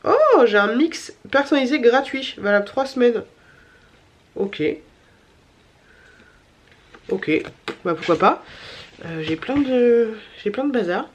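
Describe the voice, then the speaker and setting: A woman's voice: on the high side, lively intonation, slow pace, pauses often, lo-fi sound. Stuffy-nosed chatty woman vlogger. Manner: chatty, many fillers and repeated words. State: tired. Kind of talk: casual chatty haul vlog.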